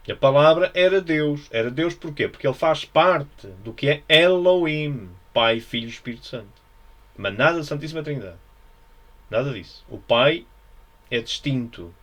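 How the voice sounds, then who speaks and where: A man's voice: mid-range voice, a bit bright. A man with a European Portuguese accent giving an informal Bible study, musing and repetitive, often checking with his listeners. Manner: musing, repetitive, frequent tag questions. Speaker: religious teacher.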